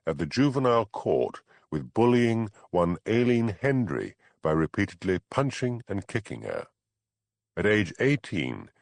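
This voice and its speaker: Expressive male audiobook narrator, low voice. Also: gravelly, no echo. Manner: expressive, dramatic. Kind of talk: scripted narration.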